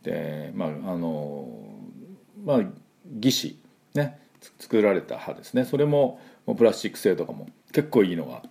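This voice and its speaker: A man's voice: sits low, big pitch swings, moderate pace, gravelly, dark tone. A man teaching English pronunciation as a school principal, with frequent fillers that make him sound hesitant, and he repeats words for his students to copy.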